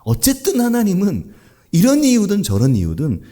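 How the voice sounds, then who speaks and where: A man preaching a Sunday sermon as pastor, posing rhetorical questions and swinging between hushed low asides and raised, emphatic lines. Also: huge pitch swings, moderate pace.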